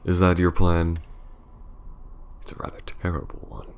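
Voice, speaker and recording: A man voicing a smug, menacing aristocratic vampire lord in an ASMR roleplay, gravelly and breathy, often sinking to a whisper, with a pompous, taunting drawl. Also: low voice, completely flat delivery, moderate pace, a little hiss or hum. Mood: mocking.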